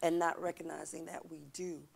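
A woman's voice: low voice, fairly quick, creaky, husky. A woman in her sixties, a guest speaker in a church studio interview, talking emphatically and gesturing, on a lapel mic. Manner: emphatic, animated storytelling with hand gestures. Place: church TV studio set, seated on stage.

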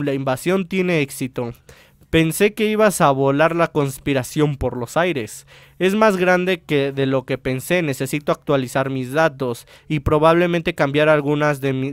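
A man voicing a paranoid young visual-novel conspiracy nut, smooth voice a bit high, dry close sound. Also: no echo, natural voice.

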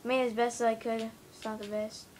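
A woman's voice: a little high, flat delivery, fairly quick, darkish tone, slight background noise. Rambling woman touring a game build. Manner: rambling, hesitant, many fillers. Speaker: gamer giving a tour of a game build. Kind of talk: casual gameplay walkthrough. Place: home room, in front of a TV. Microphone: handheld camera filming the TV screen.

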